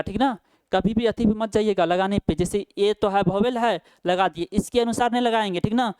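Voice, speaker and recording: Male grammar teacher, smooth voice, asks and answers his own questions. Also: high voice, darkish tone, no echo. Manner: asks questions and answers them himself, with frequent "ठीक ना?" tag checks. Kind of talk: Hindi-language English grammar lesson.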